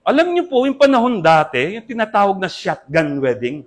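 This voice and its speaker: An older man with a Filipino accent delivers a sermon in a noticeably high-pitched voice. He keeps a polite, respectful tone with the congregation and often stops to ask them for an amen. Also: very animated, normal speed. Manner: addresses audience with polite po and asks Amen po ba. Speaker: preacher.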